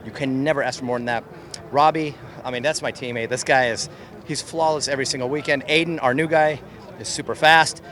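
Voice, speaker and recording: A man's voice: mid-range voice, steady tone, moderate pace, a bit bright. A man, a racing driver, telling his story animatedly in a post-race interview, quoting as he goes.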